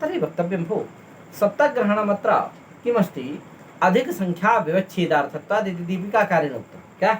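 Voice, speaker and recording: A man's voice: high-pitched, lively intonation, moderate pace. Male teacher, explains step by step, repeats lists, faint background noise. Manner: keeps asking students if they understood, repeats terms in lists. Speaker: Sanskrit teacher. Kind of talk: classroom lesson, explaining a text. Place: classroom.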